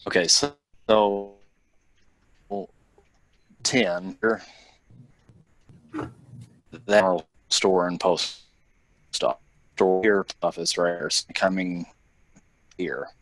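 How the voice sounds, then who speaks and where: Deep-voiced game master, connection cutting out. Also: male voice, a bit bright, no room sound, low-quality recording. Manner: casual, halting, with fillers. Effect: voice breaking up on a bad internet connection. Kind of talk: narrating a tabletop game over a video call. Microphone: video call.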